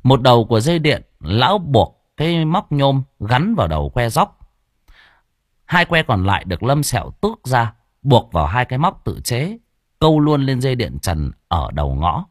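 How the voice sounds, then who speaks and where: Husky, animated male story narrator. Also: mid-range voice, moderate pace, no room sound, studio quality. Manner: lively, dramatic storytelling. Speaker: audiobook narrator.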